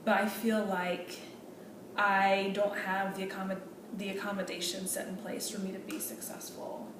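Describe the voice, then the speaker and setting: Her voice natural and mid-range, a woman speaks at a moderate pace with flat delivery while playing an earnest female medical student in a role-play meeting. She is polite and hesitant, restarting often and using lots of fillers. The room is echoey, the mic distant and the recording noisy.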